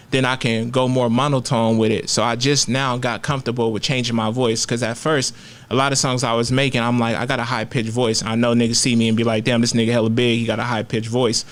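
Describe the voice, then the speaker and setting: As a guest on a casual interview, a man who raps and hails from Oakland, California, speaks frankly, full of slang and cursing, in a mid-range voice with a fairly bright tone.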